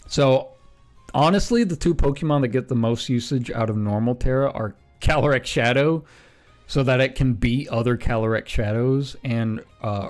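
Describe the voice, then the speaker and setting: A man streaming a game, thinking aloud in a relaxed way with frequent ums and self-corrections as he builds a team. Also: mid-range voice. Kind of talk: casual stream commentary while building a team.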